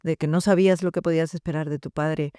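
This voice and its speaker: Measured woman with a low, mellow voice. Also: fairly even intonation, clear, resonant tone, no room sound, studio quality. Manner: measured and reflective, explaining patiently. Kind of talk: reflective podcast conversation.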